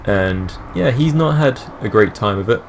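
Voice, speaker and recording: A deep-voiced man talks casually over his gameplay, rambling with a fan's enthusiasm. Faint game ambience hums underneath. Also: animated, normal speed, a little hiss or hum. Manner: rambling, enthusiastic fan talk. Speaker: gaming channel host. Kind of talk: let's play commentary.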